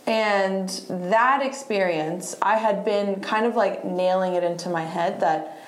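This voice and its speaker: A woman's voice: medium pitch, unhurried. A woman of around thirty, originally from Argentina, telling her story as a podcast guest in a chatty, loose way, peppered with "like" and casual swearing. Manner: chatty, lots of "like", swears freely. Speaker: guest musician. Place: live podcast taping in a downtown bar venue. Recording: roomy live venue sound.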